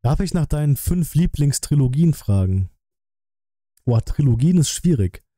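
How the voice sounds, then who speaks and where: A German man in his thirties hosts a livestream, chatting casually and reacting to a trailer in a blunt, colloquial way while thinking aloud. His voice is fairly high-pitched, very animated and dark in tone, at a normal speed with no echo. He's in a small, decorated indoor streaming room, wearing a headset and speaking close to a desk microphone.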